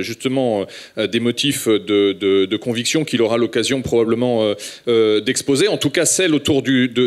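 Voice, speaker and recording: A man with a French accent moderating a panel, introducing guests with frequent hesitations. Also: mid-range voice. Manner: halting, many hesitations.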